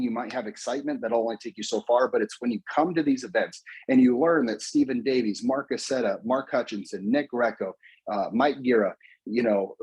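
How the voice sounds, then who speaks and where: An American man giving an energetic, repetitive motivational pep talk to a sales team, coaching and rallying them. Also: medium pitch, husky, rough recording. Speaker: motivational speaker.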